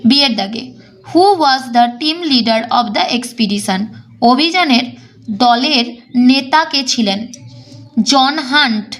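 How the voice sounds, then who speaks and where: A woman teaching an exam-prep English lesson. She reads English lines slowly, then explains them briskly. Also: sits high, a bit bright.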